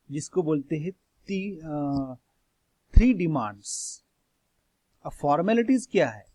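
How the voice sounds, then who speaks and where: A man's voice: a little high, warm tone, breathy edge, no echo, low-quality recording. A man teaching a law lecture, explaining step by step, repeating key terms and mixing in English phrases.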